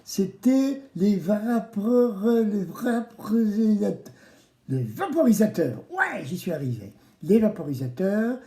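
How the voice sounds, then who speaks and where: Animated, playful children's craft presenter, roomy echo. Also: mid-range voice, unhurried, hardly any pauses. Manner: playful, theatrical, exclamatory, asks the children to answer. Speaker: presenter of a children's DIY video series. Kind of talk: children's craft tutorial, addressing kids directly. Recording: roomy, echoing indoor sound.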